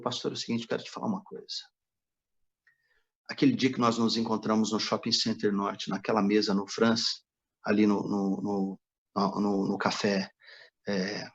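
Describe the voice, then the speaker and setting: Gravelly-voiced pastor telling a testimony. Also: male voice, lowish voice. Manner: narrates dialogue, quoting others in his own voice. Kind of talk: testimony storytelling. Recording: dull lo-fi recording.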